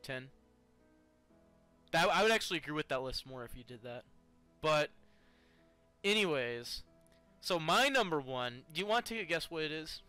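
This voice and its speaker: A man's voice: fairly high pitch, expressive, normal speed, pauses often, bright, forceful tone, clear, resonant tone, dry recording, faint music behind. A man co-hosting a casual gaming chat, emphatic and playful. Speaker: co-host.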